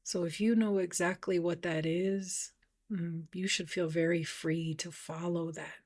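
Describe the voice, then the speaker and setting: This guided practice is led by a woman teacher whose lowish voice shows little pitch movement. She speaks gently and quietly, pausing without hurry, occasionally with a breathy quality.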